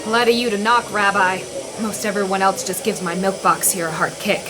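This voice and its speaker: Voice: mid-range voice, little pitch movement, brisk, close to an everyday voice. An actor playing a fussy, worried army sergeant with a folksy, complaining way of talking in an audio drama. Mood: grumbling, anxious. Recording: clear hissing noise behind.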